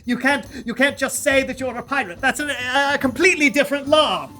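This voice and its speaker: A man's voice: very high voice, brisk, pushed and bright, soft background music, voice pushed up. Brief: a man playing a self-important knight, stiff and formal, for a kids' comedy sketch. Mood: pompous. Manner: old-fashioned formal speech. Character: pompous medieval knight man.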